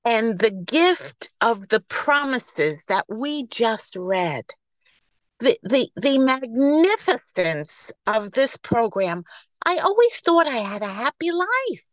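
A woman in her seventies with a New York accent, sharing her personal story slowly on a video call, with restarts. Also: fairly high pitch, very animated, no room sound, low-quality recording. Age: 70s. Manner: slow, warm-hearted, halting with restarts.

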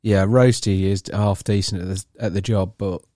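A man's voice: low-pitched, steady tone, dark tone, dry recording. Teasing man, dry close sound. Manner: teasing, swears, quick laughs. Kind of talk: casual podcast banter.

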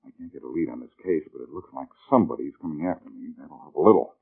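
An actor playing a tough, wisecracking detective in a 1940s radio drama, heard as an old radio broadcast. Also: male voice, extremely low pitch, rapid-fire, creaky, husky, narrow, tinny audio, full character voice. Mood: tense. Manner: wry, cocky banter. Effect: old radio broadcast sound.

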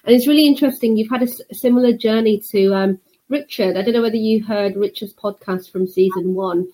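A woman with a dark, mellow voice hosts a conversational interview. She speaks at a medium pitch and reflects at length as she leads into questions. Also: brisk, poor audio. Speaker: podcast host and interviewer.

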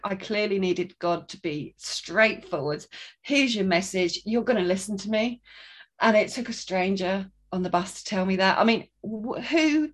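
A woman's voice: mid-range voice, lively intonation, moderate pace. A woman telling a personal faith story in a casual, chatty way, often restarting sentences and acting out what people said. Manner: chatty, restarts sentences, acts out quoted voices. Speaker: guest sharing a testimony.

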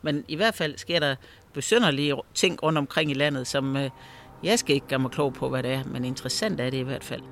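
A man who is an author and a guest, telling eerie stories in a lively way during a conversation. He often repeats words as he restarts a thought. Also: mid-range voice, a little hiss or hum. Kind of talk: storytelling in a conversation.

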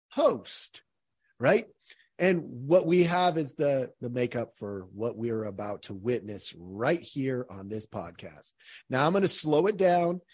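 A man hosting his podcast, explaining points in an energetic, emphatic, teacherly way. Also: on the high side, husky, dry recording, clean studio sound. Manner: energetic, emphatic, teacherly, frequent "all right". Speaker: podcast host.

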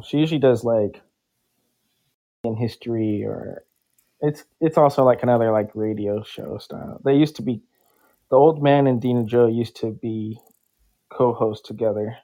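A man's voice: medium pitch, fairly even intonation, unhurried, pauses often, mellow, poor audio. A man chatting casually with a stranger, rambling and filling his talk with "like" and restarts. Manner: rambling, filler-heavy, uses "like" a lot. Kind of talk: casual chat.

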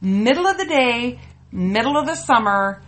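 Lively middle-aged woman telling stories. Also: a little high, moderate pace. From Canada. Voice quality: animated, laughing through funny stories. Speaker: podcast co-host. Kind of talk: casual storytelling chat.

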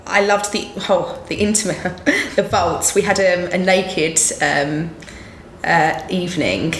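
A woman with an Essex accent, a musical theatre performer telling stories in a casual interview, chatty and quick to giggle. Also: on the low side, fairly bright tone. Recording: roomy echo, faint noise.

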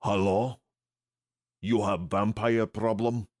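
A woman's voice: a bass voice, steady tone, slow, darkish tone, voice pushed down, heavily acted. A woman voicing a blunt male vampire slayer with a put-on Russian accent and broken English. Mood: menacing blunt.

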